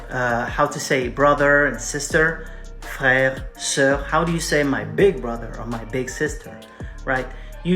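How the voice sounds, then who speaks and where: A man teaching pronunciation, repeating each word slowly with chatty asides. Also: a little high, fairly bright tone. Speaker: French teacher. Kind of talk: pronunciation lesson.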